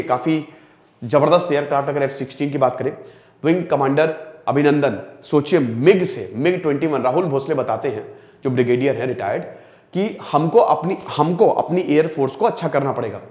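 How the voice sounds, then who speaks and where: Chatty man lecturing, echoey room. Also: fairly high pitch. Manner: conversational, rhetorical questions, frequent "dekhiye" and "theek hai". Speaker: current affairs teacher. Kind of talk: explanatory exam-prep lecture.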